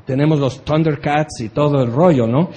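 A man teaching a Bible passage as a preacher, chatty and animated, often slipping into mock voices. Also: a little high, moderate pace.

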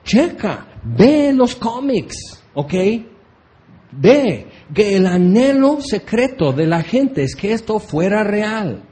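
Animated high-voiced preacher. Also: male voice, slow. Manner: conversational, animated, mock voices for hecklers. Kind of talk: expository Bible teaching.

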